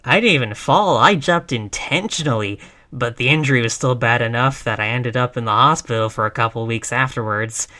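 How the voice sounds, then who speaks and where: Voicing a reckless, tough girlfriend for intimate roleplay audio, this woman sounds boastful and casual, brash but affectionate, swearing with easy bravado. Her voice is very deep, bright and forceful, and a little fast.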